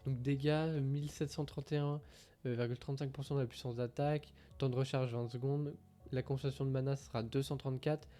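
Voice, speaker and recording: A gaming streamer with a medium-pitched, dark voice casually reads game patch notes aloud from a translation. He hesitates and fills his speech with fillers, admitting English isn't his strong point.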